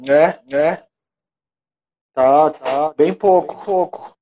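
A man's voice: a little high, drawn-out words. A man joining a live stream by video call. He sets up his camera and sound in a casual way, and each phrase comes back a second time as an echo on the line. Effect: echo on the call line, each phrase heard twice. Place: remote home setup. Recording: dull echoing call line with faint noise.

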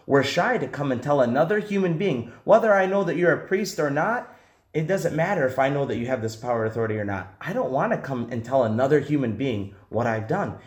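A man's voice: mid-range voice, roomy sound. A man who is a priest, talking earnestly and reassuringly in a podcast discussion. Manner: earnest and reassuring, speaks with emphasis.

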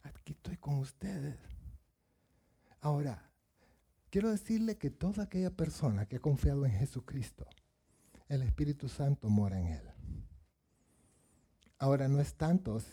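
A man's voice: medium pitch, lively intonation, measured pace, long pauses, warm tone, husky. A man preaching a sermon, asking the congregation questions and acting out Bible voices.

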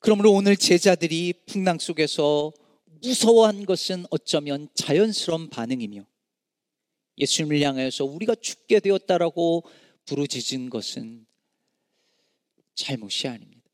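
A middle-aged man preaches with a high, ringing voice that swells into anguished pleas and then sinks to a near hush. He is miked close and dry, yet a long reverb trails behind him in a large room. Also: lively intonation, normal speed. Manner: dramatic rises and hushed drops, voicing anguished cries to God. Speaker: pastor. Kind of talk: sermon.

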